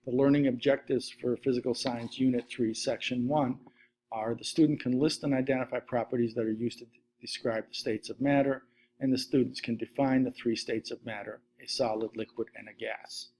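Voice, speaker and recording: A middle-aged Latvian-speaking man teaches science through a recorded slide lesson from his desk webcam. His medium-pitched voice is brisk as he steadily reads through lists.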